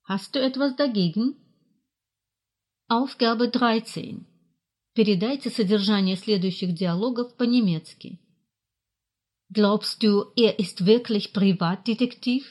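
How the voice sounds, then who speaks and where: Woman reading slow lesson drills. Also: medium pitch, a little mellow. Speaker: language teacher. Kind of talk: recorded language lesson.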